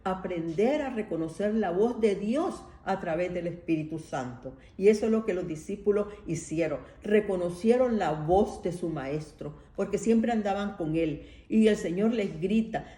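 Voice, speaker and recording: A woman delivers a sermon in a warm, dark-toned voice, speaking conversationally and often turning to her listeners with a questioning tag. Her voice carries a roomy echo. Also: medium pitch, expressive, normal speed, hardly any pauses. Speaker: preacher.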